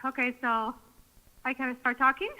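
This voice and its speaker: A woman's voice: high voice, flat delivery, moderate pace, sharp tone. A woman, a parent giving an indignant public comment at a school board meeting, heard over a speakerphone. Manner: indignant, confrontational. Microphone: phone. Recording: muffled phone line on speakerphone.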